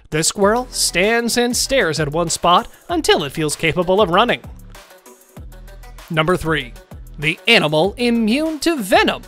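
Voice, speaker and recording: A narrator reading a scripted countdown video in a lively, sing-song way. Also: medium pitch.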